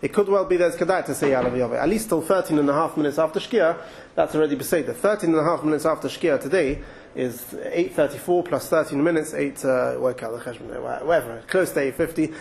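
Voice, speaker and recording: A man's voice: on the high side, fast, gravelly, darkish tone, a little hiss or hum. A man with an English accent giving an informal Torah talk, chatty and thinking aloud with frequent restarts and asides. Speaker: Torah teacher.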